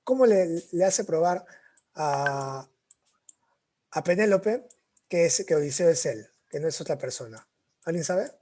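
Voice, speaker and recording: Peruvian man, young, literature teacher, husky and a bit high, story-telling lecture style. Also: animated, unhurried, pauses often, warm tone. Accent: Peruvian Spanish. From Peru. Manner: retells stories with quoted voices, tag questions after most phrases. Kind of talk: classroom lecture.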